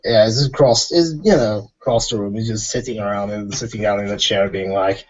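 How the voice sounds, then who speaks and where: A man's voice: fairly low pitch, brisk. A man taking his turn in a tabletop role-playing game, speaking casually and loosely with plenty of filler words. His voice comes through a dull, lo-fi voice chat line. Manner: casual, fills with "you know". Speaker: player.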